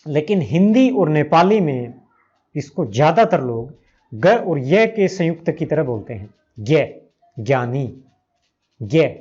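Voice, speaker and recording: Slow, patient Sanskrit teacher, man. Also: on the high side, sing-song, dark tone, breathy edge. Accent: Hindi. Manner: patient, repeats sounds aloud for learners. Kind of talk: slow spoken grammar lesson. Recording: slightly dull lo-fi recording.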